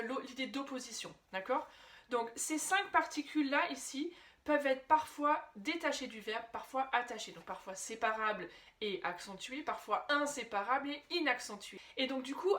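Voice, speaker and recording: A woman teaching an online language lesson, explaining patiently, often checking in with "d'accord?" and slowing right down to spell out example sentences. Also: a little high, a bit bright. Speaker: German teacher.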